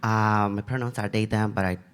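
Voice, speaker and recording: A man from El Salvador introducing himself on a panel in a relaxed, plain way. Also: lowish voice, fairly quick, clear, resonant tone.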